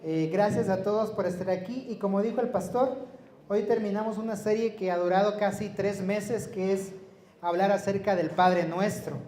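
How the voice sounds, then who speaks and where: A man preaching a sermon in a church, soft-spoken and friendly, drawing the congregation in with questions. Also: high-pitched, fairly even intonation, normal speed. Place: church sanctuary. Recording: echoey church hall.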